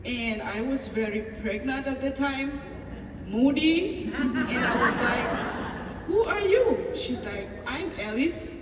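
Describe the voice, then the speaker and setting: Slow-paced and high-voiced with lively intonation, a woman pastor with a Tanzanian accent shares a personal story at a table talk. She voices the dialogue, hesitating on fillers, and is captured from a distance in an echoey hall with faint ambience and crowd noise.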